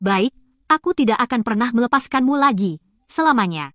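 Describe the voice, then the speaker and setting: A young woman playing a gentle heroine recovering in hospital in a dubbed TV drama, speaking softly and tenderly. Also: on the high side, expressive, moderate pace, dry recording.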